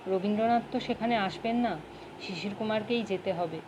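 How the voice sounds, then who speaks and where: A woman narrating an audiobook in a steady, measured reading voice. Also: medium pitch, background noise. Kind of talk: storybook narration.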